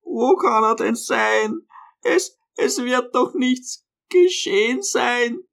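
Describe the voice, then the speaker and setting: A frail old mother in a storybook reading, her voice high, bright and creaky, as a man puts her on. She frets and sighs, drawing out her words slowly and refusing to be talked out of anything. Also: animated, exaggerated voice. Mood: alarmed. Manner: slow, fretful and sighing. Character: frail anxious old mother, childishly stubborn.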